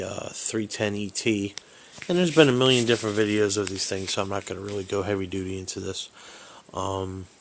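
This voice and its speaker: A man with a slightly bright, lowish voice gives an off-the-cuff review of a gadget from a small bedroom. As an amateur radio hobbyist looking over his gear, he rambles casually and hesitates, often hunting for the right word.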